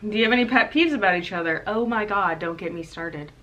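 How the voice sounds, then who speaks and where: A young woman co-hosting a casual question-and-answer chat with her husband, talking fast and loose with lots of "like" and frequent laughter. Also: mid-range voice, fairly bright tone, lo-fi sound. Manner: chatty, laughs often, lots of "like". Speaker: co-host of a couple's channel.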